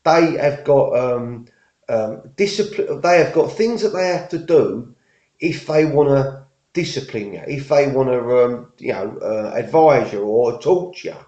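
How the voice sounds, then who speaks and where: A man's voice: medium pitch, lively intonation, measured pace, warm tone. A middle-aged man, telling a story in a rambling, casual monologue, often repeating himself and using working-class slang. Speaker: vlogger. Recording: echoey room, dull lo-fi sound.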